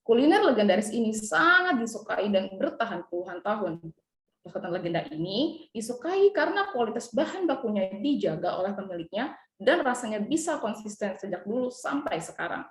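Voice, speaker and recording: A woman's voice: fairly high pitch, sing-song, brisk. Polite young woman in an echoey room. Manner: polite, deferential. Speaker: journalism student. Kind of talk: news-reading practice and feedback chat. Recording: roomy echo.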